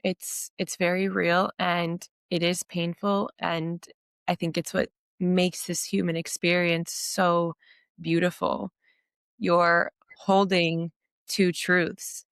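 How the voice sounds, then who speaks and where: A woman hosting a podcast, gentle and affirming in a supportive spiritual conversation. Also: fairly low pitch, little pitch movement, slow pace, vocal fry, smooth, no echo, studio quality. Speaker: podcast host.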